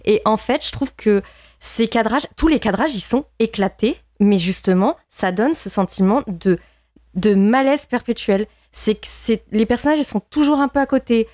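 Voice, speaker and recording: A woman's voice: a little high, animated, moderate pace, darkish tone, dry recording, clean studio sound. A woman in a casual film discussion, analytical and opinionated, often repeating words as she works out her point.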